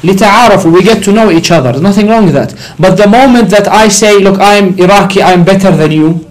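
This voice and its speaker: A man's voice: high voice, quick pace. A man originally from Iraq, a sheikh explaining religious questions on a call-in TV show, building emphasis on his key points. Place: TV studio.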